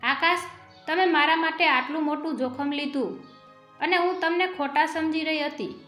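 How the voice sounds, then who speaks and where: A woman's voice: high voice, fairly even intonation, normal speed, bright, forceful tone. A woman voicing a devoted, brave young wife, speaking heartfelt and earnest. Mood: remorseful. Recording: echoey room with faint music.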